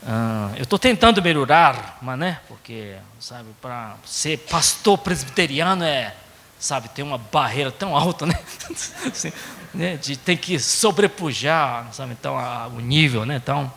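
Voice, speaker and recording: A pastor from Japan, speaking with a Japanese accent, preaches conversationally in a church sanctuary, often tacking on little tag questions. His mid-range voice is animated, slightly bright, and a little slow, resonating in a large hall.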